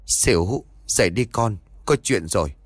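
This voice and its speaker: A calm but uneasy old exorcist who speaks low and quietly, as a male storyteller puts him on. The sound is dry and close. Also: unhurried, husky, no room sound.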